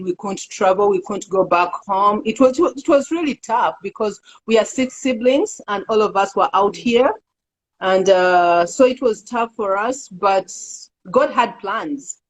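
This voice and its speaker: Middle-aged woman from Uganda, interview guest, earnest and unhurried, mid-range voice. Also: medium pitch, low-quality recording. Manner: earnest, halting with fillers, laughs easily. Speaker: executive director, interview guest. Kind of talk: casual interview talk.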